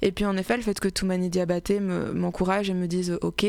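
Young woman, flat-toned. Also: lowish voice, brisk, creaky, no echo. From Belgium. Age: 20s. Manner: talks in long searching runs with many restarts and fillers. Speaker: guest musician. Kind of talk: casual radio interview.

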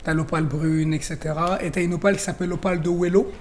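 A man's voice: a little high, level tone, fast, slight background noise. A young man from Belgium, a rapper guest in a radio interview, talking chattily with many fillers and restarts.

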